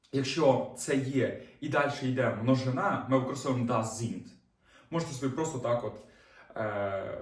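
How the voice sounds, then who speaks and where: A man's voice: medium pitch, echoey room, recorded from a distance. A man giving an online language lesson, explaining patiently step by step with small fillers. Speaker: German teacher.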